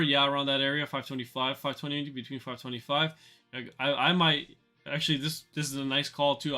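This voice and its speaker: A man with a fairly high, bright and forceful voice talks through a relaxed market livestream. He rambles casually, repeating words and answering his chat as he goes, with soft music playing faintly behind him. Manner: chatty, loose, answers chat aloud with filler and repeats. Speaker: trading livestream host.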